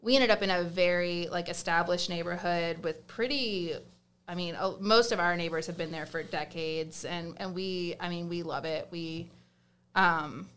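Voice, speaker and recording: A woman's voice: on the low side, normal speed, fairly bright tone, clear, resonant tone. A young woman with a Southern US accent, chatting as a guest in a casual interview, with lots of fillers and restarts.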